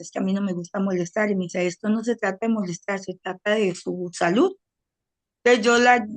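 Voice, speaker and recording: Costa Rican woman, middle-aged, mid-pitched; earnest first-person testimony with quoted dialogue. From Costa Rica. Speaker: testimony speaker.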